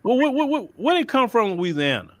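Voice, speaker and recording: Speaking in an extremely high, sing-song, slightly bright voice, this Port Arthur, Texas commentator moves briskly with no echo. He has a Southern Texas accent and delivers an emphatic, colloquial opinion monologue, repeating phrases and playing out mock conversations.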